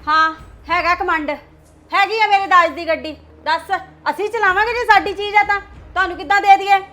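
A Punjabi-accented woman playing a proud, sharp-tongued elder sister-in-law in a family drama. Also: extremely high pitch, steady tone, moderate pace. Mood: taunting. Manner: taunting, boastful.

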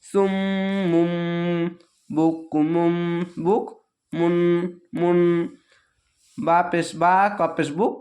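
A man teaching Quran reading in a Bangladeshi Bengali accent, spelling each syllable slowly and patiently in a drawn-out recitation. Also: fairly high pitch, little pitch movement, darkish tone. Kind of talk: slow letter-by-letter spelling lesson.

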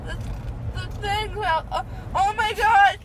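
A young woman groggy from anesthesia, talking in a childlike, muddled, halting and tearful way. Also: very high-pitched, fairly even intonation, crowd noise. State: groggy from anesthesia after wisdom teeth removal. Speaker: dental patient riding home. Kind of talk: casual chat. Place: inside a moving vehicle. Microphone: phone at arm's length. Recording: phone video with loud car road noise.

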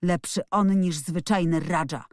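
A woman voicing a stubborn, angry young girl who shouts back defiantly in a storybook reading. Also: lowish voice, measured pace, no room sound, studio quality, lightly acted. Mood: furious, defiant.

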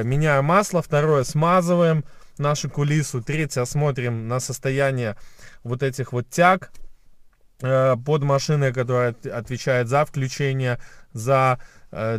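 A man's voice: mid-range voice, no room sound. A man in his thirties who cannot roll his r, explaining a repair step by step in a how-to vlog. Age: 30s. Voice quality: soft, non-rolled r (a burr). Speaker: car repair vlogger. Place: inside a parked car at night. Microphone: camera at arm's length.

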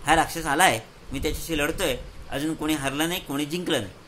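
A young warrior calls out in the thick of a fight, as a man plays him in a children's story. He sounds urgent, with a bright, forceful voice. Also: fairly high pitch, fast talker, a little hiss or hum, natural voice.

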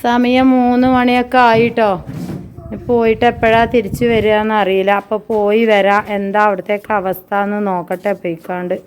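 A woman's voice: medium pitch, level tone, a little fast, a little hiss or hum. A woman, chatting directly to viewers in a casual home vlog. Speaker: family vlogger.

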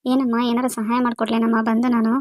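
A married daughter home on a visit , played by a woman, talks politely at a very fast clip. Her voice sits fairly high and stays even, recorded dry and close. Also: slight background noise, close to an everyday voice. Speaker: daughter in a family skit. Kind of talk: amateur village family skit.

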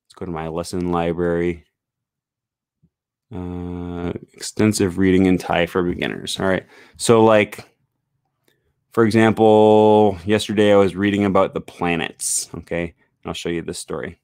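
In a small home room, a young man hosts a casual screen-sharing live stream about learning languages, wandering loosely through the topic with many "um"s and "uh"s. His low voice is clear, resonant and slightly mellow, with fairly even intonation and a slightly slow pace. He uses a large studio mic on a desk stand, and the recording is dry and studio-clean.

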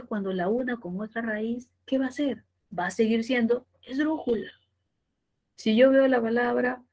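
A woman teaches a class with a Peruvian Spanish accent. She asks questions and answers them herself in a lively way, and her voice sits a little high. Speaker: language teacher. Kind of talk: classroom lecture.

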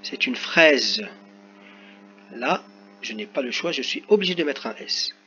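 A man teaching young children, walking them patiently through a worksheet one step at a time and addressing them directly. His voice is bright and clear-edged. It comes through a slightly dull home recording with a faint ambient hum behind it. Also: mid-range voice, lively intonation, a little slow.

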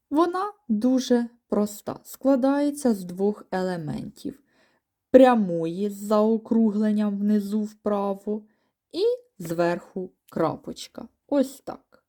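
A woman teaching a first-grade class, patiently sounding out letters one by one and using gentle diminutive words for small children. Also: mid-range voice. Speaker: primary school teacher. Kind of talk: first-grade reading and writing lesson.

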